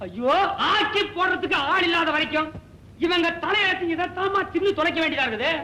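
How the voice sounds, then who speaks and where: A fast-talking joking working man. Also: bright, forceful tone, reverberant, slight background noise, exaggerated voice, poor audio. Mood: chiding kind. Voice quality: high, quick comic patter. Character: chatty, teasing working-class man, kind-hearted. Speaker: comic working man pulling a cart. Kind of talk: 1960s film comedy acting.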